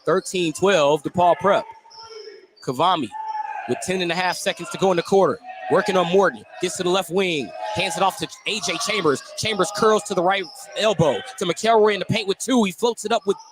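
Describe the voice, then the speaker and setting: A man with a high voice speaks briskly, calling basketball live on radio from courtside in a school gym. Each move gets a clipped, detailed description, and the live gym recording is noisy.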